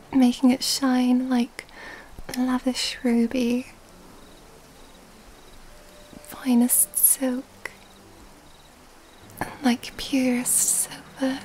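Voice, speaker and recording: This time the ASMR vampire lady, elegant and predatory, is admiring and tender, whispering breathily in a high voice that remains soft and dark. She unfolds her words very slowly with level, teasing, mysterious formality and antiquated wording. There is slight background noise.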